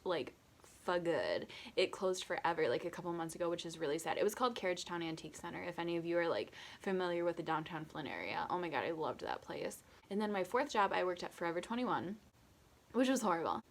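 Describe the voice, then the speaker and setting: Twenties woman, tipsy and self-mocking, low-ish voice, rambling vlog chat. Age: 20s. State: tipsy from drinking. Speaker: vlogger. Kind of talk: casual get-to-know-me chat.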